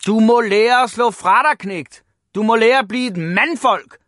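Gruff shouting dad, guy putting it on, loud and high-strung, dry sound. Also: no room sound. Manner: shouting, table-banging bluster. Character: loud gruff blustering father, middle-aged man.

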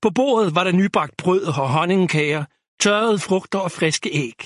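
A man narrating a children's fantasy story in a steady, clear reading. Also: high voice, dry recording, studio quality.

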